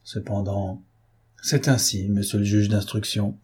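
A man reading the part of a blunt, indignant deputy police chief in an audiobook, with a husky voice. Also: fairly low pitch, completely flat delivery, unhurried, a little mellow.

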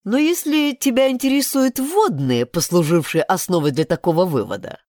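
A woman's voice: on the low side, expressive, normal speed, a little mellow, dry recording, clean studio sound, close to an everyday voice. A woman voicing a male deputy sheriff who talks in an ironic, teasing way.

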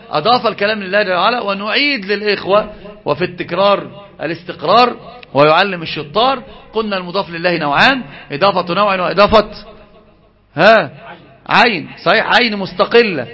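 Fast, high-voiced man teaching. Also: highs cut off. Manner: animated, asks the audience questions and answers them. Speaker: religious teacher. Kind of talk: Islamic lesson.

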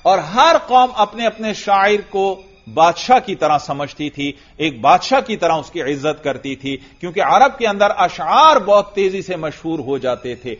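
A man teaches a religious class in a lively way, chanting Arabic verses slowly and then quizzing his students on them. His voice sits somewhat high for a man. The recording is dull and lo-fi. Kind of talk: classroom lecture explaining Arabic grammar.

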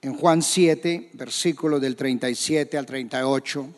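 A man preaching a sermon as pastor in a church, questioning the congregation and shouting quoted scripture. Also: medium pitch, moderate pace, in a large hall. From Colombia. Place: church hall.

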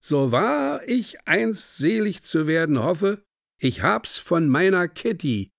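A man's voice: on the high side, very animated, takes it slowly, gravelly, a bit bright, no room sound, clean studio sound, pitched above the performer's own voice, full character voice. A man doing a sly, gossiping drinking companion. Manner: sly, gossiping, swearing oaths.

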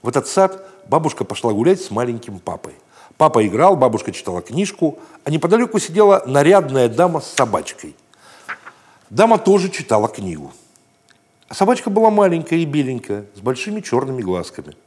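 A man reading a children's story aloud in a gentle, playful storytelling manner, raising his voice for the shouted lines. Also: mid-range voice, very animated, fairly quick, breathy edge. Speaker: narrator.

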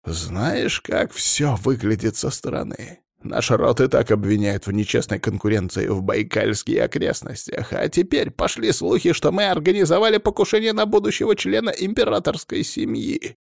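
A man voicing a furious, domineering old male clan head who yells and scolds down the phone. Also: mid-range voice, animated, normal speed, vocal fry, few pauses, no room sound, clean studio sound, voice pushed up. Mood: furious scolding.

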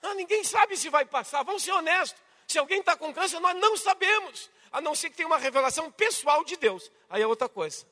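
A man with a Brazilian Portuguese accent preaching a sermon to his congregation, swinging dramatically between loud, emphatic passages and hushed ones. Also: very high voice, animated, brisk, few pauses. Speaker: pastor. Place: church hall. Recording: long reverb of a church hall.

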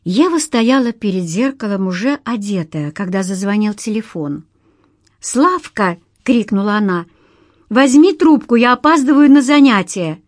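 A woman reads an audiobook in a measured, expressive way at a middle pitch. The recording is close and dry, with no room sound at all. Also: no echo. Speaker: audiobook narrator. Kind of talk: scripted audiobook narration.

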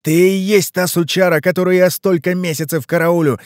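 A man's voice: a little high, lively intonation, measured pace, darkish tone, no echo, studio quality, voice pushed up. A man voicing a furious, foul-mouthed male forest monster that snarls curses and threats.

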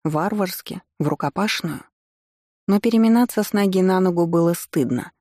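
A woman narrating a first-person audiobook in a steady, measured storytelling way. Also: fairly low pitch, no room sound, studio quality.

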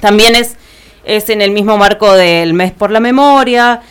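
Smooth-voiced Argentine woman reading radio listings. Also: mid-range voice, measured pace. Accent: Argentine Spanish. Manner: reads listings with frequent "eh" fillers and self-corrections. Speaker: radio co-host reading the events agenda. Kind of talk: community radio event listings. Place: radio studio.

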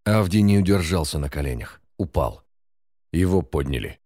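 Deep-voiced man reading a grave story. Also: expressive, normal speed, dark tone, no echo, clean studio sound. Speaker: narrator. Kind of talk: audiobook narration.

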